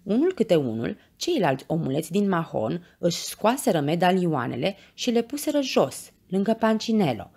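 A woman reading a bedtime story to children in a low, husky voice. She narrates expressively, and her pitch moves widely with a gravelly edge. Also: sing-song, hardly any pauses, mellow.

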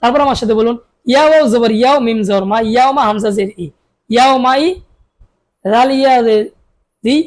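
A woman with a Bangladeshi Bengali accent teaches Quran reading in a patient recitation drill. Her voice sits a little high as she spells syllables out, stretches them into long drawn sounds, and asks questions she answers herself. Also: brisk, pauses often.

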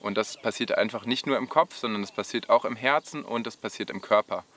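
A man in his thirties with a somewhat low voice talks reflectively in an interview. He pauses to find words, steady and sincere.

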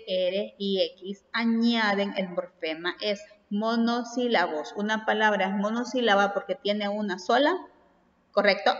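A woman teacher walks through a grammar lesson at a careful, unhurried pace, pausing on rhetorical questions. Her voice rings with a long reverb in a roomy space. The sound is dull and lo-fi. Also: medium pitch. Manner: slow, deliberate, asks rhetorical questions.

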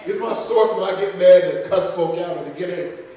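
High-voiced preacher in an echoey hall. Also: male voice, brisk, dark tone, distant mic. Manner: fervent preaching, repeats words, casual asides. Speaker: pastor. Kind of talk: sermon. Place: church sanctuary.

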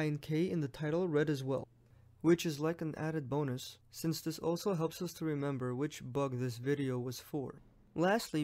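A man's voice: fairly high pitch, a little mellow. A young man, friendly and explanatory, narrating a drawing lesson for a medical exam as its host.

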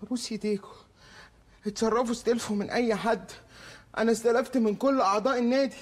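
An actor with an Egyptian Arabic accent playing a broke, hungry brother who whines and pleads for food in a TV comedy series. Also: male voice, very high-pitched, steady tone, quick pace, soft background music. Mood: whiny. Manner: whiny, pleading, self-pitying.

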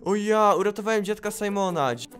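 A man giving excitable gameplay commentary, exclaiming and laughing as he reacts to the game. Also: sits high, brisk. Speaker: gaming YouTuber.

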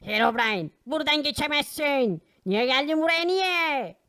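A woman voicing a bold, hot-tempered poor young boy hero in a cartoon, bossy and quick to scold. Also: sits high, expressive, fairly bright tone. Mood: urgent. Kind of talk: animated cartoon voice acting.

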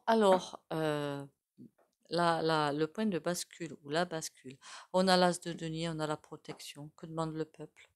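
Low-voiced woman giving a tarot reading. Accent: regional French accent. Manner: musing aloud, loose and conversational. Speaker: tarot reader and psychic. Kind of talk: casual spoken tarot reading.

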